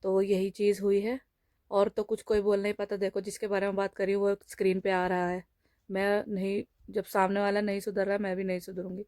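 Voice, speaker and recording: A woman's voice: mid-range voice, monotone, fairly quick, darkish tone, no echo, clean studio sound. A young woman vlogger with a Bihari Hindi accent, talking straight to camera to scold and plead with people who bother her family. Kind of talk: direct-to-camera message.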